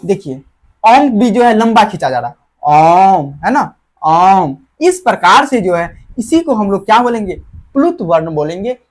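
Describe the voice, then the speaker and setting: Lively woman teaching grammar. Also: mid-range voice. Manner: explains slowly with rhetorical questions, calls listeners dear children; drags out example vowels when demonstrating. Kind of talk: grammar lesson for school students.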